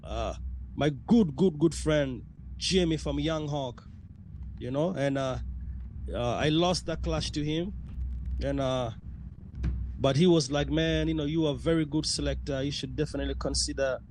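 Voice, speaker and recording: A man from South Sudan, a sound clash selector, who speaks as a guest on a radio interview and gives shout-outs in dancehall slang. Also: fairly high pitch, moderate pace, slight background noise.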